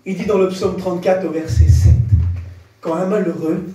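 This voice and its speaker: A man preaching a fervent sermon to a congregation, speaking directly to them and rising into shouts. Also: sits high, fairly even intonation, normal speed. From France. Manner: impassioned, rises to shouts, addresses the crowd directly. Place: church. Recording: very echoey church hall, heard from a distance.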